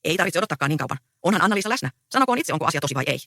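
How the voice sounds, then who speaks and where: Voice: medium pitch, sing-song, pushed and bright, dry recording, studio quality, exaggerated voice. A reader voicing a bustling, scolding peasant housewife in a stage play read aloud.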